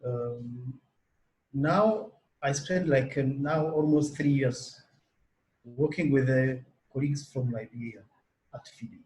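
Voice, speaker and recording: A man from Rwanda, a nurse educator, introducing himself on a video call in a halting way, repeating words. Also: medium pitch, a little mellow, reverberant, low-quality recording.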